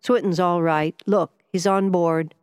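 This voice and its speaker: A woman voicing an excitable middle-aged gentleman who calls out eagerly to his companions. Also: on the low side, unhurried, smooth, dry recording, studio quality, long reverb tail, natural voice.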